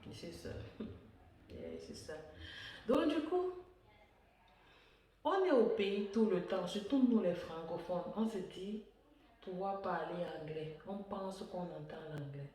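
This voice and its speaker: Woman from francophone africa vlogging, chatty, repeats herself, far from mic in a boomy room. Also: lively intonation, slow pace, pauses often, warm tone, heavy reverb. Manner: chatty, repeats words, laughs often. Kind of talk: casual personal vlog talk.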